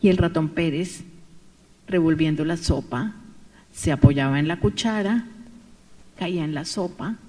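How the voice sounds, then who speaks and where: A woman telling a folk tale aloud at a seminar in a lively way, with asides to her listeners. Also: deep voice, unhurried, pauses often. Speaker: storyteller. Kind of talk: oral storytelling at a seminar. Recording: echoey hall, voice from far off.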